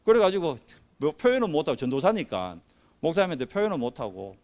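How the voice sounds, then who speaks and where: Animated Gyeongsang-accented male preacher. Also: a little high, a little fast. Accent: Gyeongsang Korean. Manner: animated storytelling, acting out quotes. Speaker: pastor. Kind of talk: storytelling sermon.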